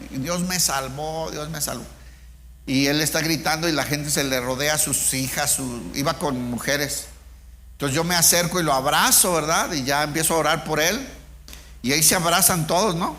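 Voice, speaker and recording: A man's voice: fairly high pitch, sharp tone, a little hiss or hum. A middle-aged man, preaching an informal sermon with personal testimony, speaking conversationally and asking his listeners rhetorical questions.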